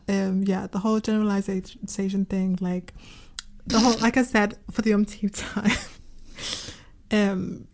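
A woman co-hosts a casual podcast. Her voice sits at a middling pitch, and she talks in a slangy, ranting, conversational way. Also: a little mellow. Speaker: podcast co-host.

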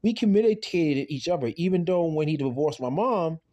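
A man's voice: fairly high pitch, lively intonation, normal speed. Rambling man casually recapping a TV episode. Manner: rambling, heavy fillers like "I mean" and "though"; speaks openly about his own late father, quiet and subdued. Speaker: podcast host recapping a TV episode.

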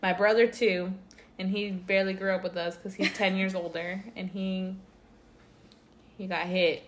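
A young woman co-hosting a casual chat, halting and giggly, with many fillers and restarts. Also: mid-range voice, level tone. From United States. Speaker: co-host.

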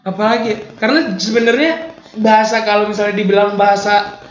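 A man's voice: high voice, level tone, fast. A man with a Jakarta accent, chatty and joking, talking casually in Jakarta slang. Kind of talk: casual chat with anecdotes. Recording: muffled, echoey room.

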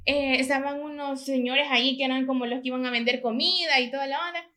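A woman's voice: sits high, fast talker. A young woman with a Salvadoran accent chatting on a podcast, telling a story and acting out the voices of people in it. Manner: lively storyteller who acts out quoted voices. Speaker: podcast co-host. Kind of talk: casual chat.

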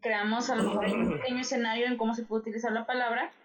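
Woman, higher pitch, blunt casual podcast talk. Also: flat delivery, racing, crowd noise. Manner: blunt, swears freely. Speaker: podcast co-host. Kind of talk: casual chat and reading listener messages.

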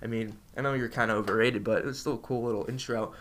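A man's voice: mid-range voice, steady tone, quick pace, a bit bright, a little hiss or hum. A young man co-hosting a podcast in casual chat, talking in an enthusiastic, rambling way. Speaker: podcast co-host.

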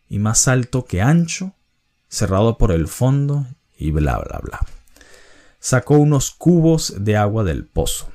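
A man's voice: on the high side, darkish tone. A man hosting a vocabulary quiz, patiently explaining and repeating each answer and its definition. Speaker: quiz host and organizer.

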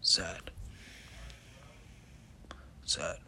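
A man's voice: extremely slow, bright, forceful tone, in a whisper. A man hosting a casual sports talk show, rambling and repeating himself, sounding exasperated and often calling the listener "bro.". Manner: rambling, repetitive, exasperated, says "bro" a lot.

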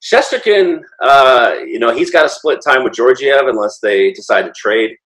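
A man's voice: mid-range voice, lively intonation, moderate pace, a bit bright, roomy sound, poor audio. A man co-hosting a casual sports podcast, rambling and playful, with lots of fillers. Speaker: podcast co-host.

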